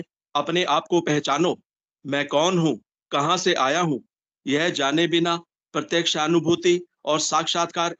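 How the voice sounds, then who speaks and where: A man reading a devotional text aloud in an earnest, steady way over a video call. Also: a little high. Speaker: reader in an online satsang. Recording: dull video-call audio.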